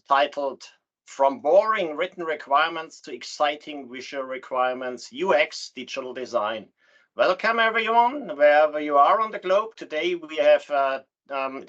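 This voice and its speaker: Male roundtable host, formally courteous, hesitant delivery, raised pitch, muffled meeting sound. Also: fairly bright tone. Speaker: roundtable moderator. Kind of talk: spoken welcome and housekeeping to an online audience. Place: online video meeting. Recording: slightly dull online call audio.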